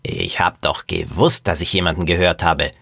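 A man voicing a scheming, gruff male animal trainer in a read-aloud children's mystery, growling low and slow. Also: animated, a bit bright, dry recording, clean studio sound. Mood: gloating menace.

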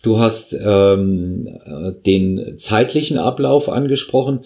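A man hosting a podcast interview, talking in a halting, affirming way as a fellow trainer. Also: on the low side, dark tone.

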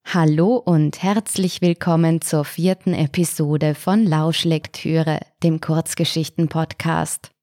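A woman hosting a short-story podcast, reading a children's tale aloud in a calm, measured way. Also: low voice, no echo, clean studio sound. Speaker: podcast host and story reader. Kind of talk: scripted storybook narration.

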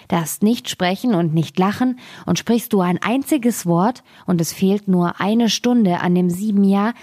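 A woman voicing a stern, solemn old woman in a fairy tale, speaking in a grave, measured way. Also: lowish voice, mellow.

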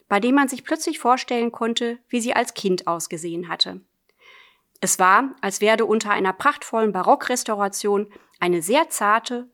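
A woman reading a literary audiobook in the form of a letter, measured and earnest, addressing a friend. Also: mid-range voice, fairly bright tone. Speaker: audiobook reader.

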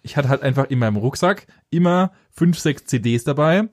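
A man's voice: medium pitch, lively intonation, brisk, a little mellow, no echo, clean studio sound. A man, co-hosting a casual chat with joking, teasing interjections. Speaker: podcast co-host.

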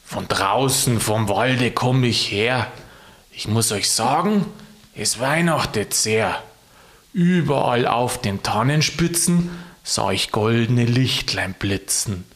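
A man playing Saint Nicholas, an old bishop who recites and questions solemnly and slowly. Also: medium pitch, lively intonation, a bit bright. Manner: slow, drawn-out solemn recital.

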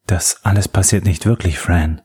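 A man's voice: deep voice, steady tone, normal speed, a little mellow, slightly rough. A man voicing a shaken young male doctor who speaks in short, tense phrases. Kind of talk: audiobook reading.

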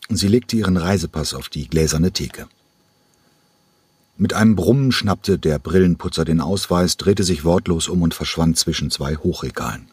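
A man with a deep, husky voice narrates an audiobook. His delivery is measured and steady. The recording is dry and close. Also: no echo. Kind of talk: scripted narration.

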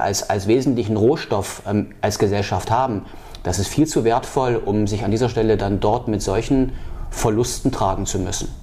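A political candidate with a fairly low, dark-toned voice answers interview questions about policy. His speech is halting, full of fillers and restarts.

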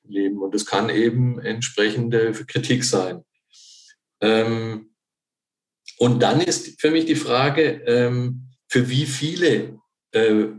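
A male guest commentator answers at length, thinking aloud with hesitant restarts and fillers. His voice carries a noticeable room echo, and his pitch stays in the ordinary male middle. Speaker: newspaper author, guest. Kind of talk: analytical conversation.

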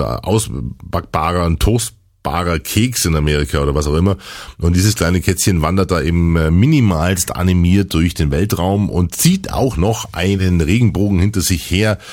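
A man hosting a podcast in a casual, chatty way, his voice a little hoarse and lowered. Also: darkish tone. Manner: chatty, loose, with frequent fillers. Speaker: podcast host.

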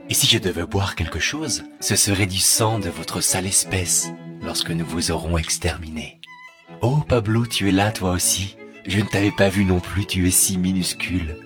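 A man doing a deep sneering robot AI. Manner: mock-polite, sneering, threatening. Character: sardonic menacing male artificial intelligence. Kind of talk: comedy sketch monologue.

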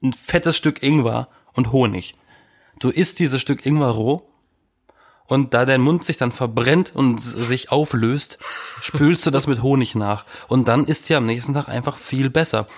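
A man's voice: medium pitch, a little slow. A man with a cold and sore throat, chatting casually and telling jokey home-remedy stories. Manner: joking, animated storytelling. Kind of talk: casual chat.

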